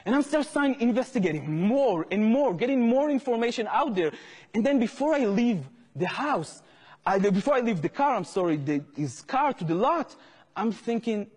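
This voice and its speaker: A man's voice: very high voice, expressive, normal speed, a little mellow, husky, big-room sound. A man with an Israeli accent giving a public lecture as an activist, telling a story earnestly and growing impassioned.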